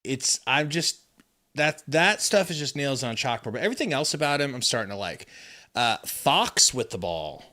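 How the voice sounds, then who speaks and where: Casting: male co-host, bright, animated delivery, casual live play-by-play. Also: mid-range voice, moderate pace. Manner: excitable, jumps between joking banter and calling plays. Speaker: podcast co-host calling the game.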